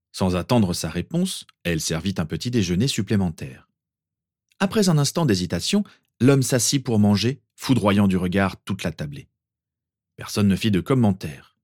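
Man calmly reading a story aloud. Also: low voice, dry recording, clean studio sound. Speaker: reader. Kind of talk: reading fan fiction aloud.

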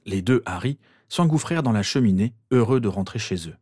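A man narrating a story aloud with expressive intonation. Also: lowish voice, fairly quick, dry recording, clean studio sound. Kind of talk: storybook reading.

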